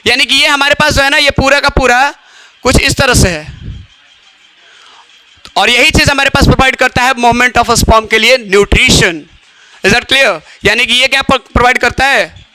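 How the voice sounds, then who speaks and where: A man lectures on biology, throwing out questions and answering them himself. His voice sits very high and sounds bright and sharp, with a smooth, clear tone. The recording is dry and close to the mic. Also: fairly even intonation, unhurried. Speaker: biology teacher. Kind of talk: classroom lecture.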